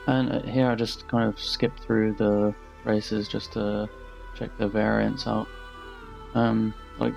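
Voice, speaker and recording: A man's voice: lowish voice, gravelly, a little mellow. A young man casually commenting over his gameplay as a channel host, rambling and blunt with frequent swearing. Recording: slightly dull lo-fi voice-over.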